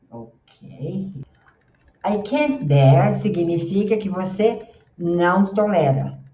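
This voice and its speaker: A woman with a Brazilian Portuguese accent teaching an English grammar lesson, patiently explaining and sounding out English words slowly. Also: on the low side, mellow. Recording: roomy, distant, dull lo-fi sound.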